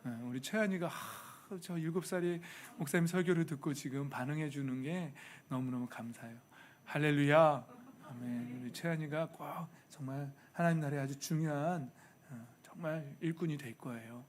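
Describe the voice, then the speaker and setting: Animated male pastor preaching with humor. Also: fairly high pitch, normal speed. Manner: animated and humorous, acting out quoted speech. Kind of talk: sermon. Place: church sanctuary.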